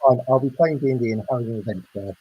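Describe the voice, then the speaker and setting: A man's voice: mid-range voice, racing, a little hiss or hum. A man co-hosting a podcast in casual chat, rambling with fillers, his voice muffled and underwater-sounding from a bad internet connection. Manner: rambling, many fillers and restarts. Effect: muffled underwater-sounding audio from a bad internet connection. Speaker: podcast co-host. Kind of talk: casual chat reviewing a game. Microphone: remote call mic. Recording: garbled internet call audio.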